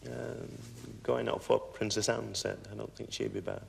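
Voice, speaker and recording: Male contestant, lowish creaky voice, understated short answers, echoing studio hall. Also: level tone, normal speed, slight background noise. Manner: laconic, low-key. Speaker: game show contestant, lorry driver. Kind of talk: brief answers in studio banter. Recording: echoey studio hall, distant.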